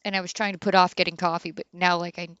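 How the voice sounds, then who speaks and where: A woman's voice: lowish voice, flat delivery, fast talker, a bit bright, clean tone, no echo, highs cut off. A woman in her thirties streaming a game, chatting candidly and rambling with many fillers. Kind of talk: casual chat while streaming a game.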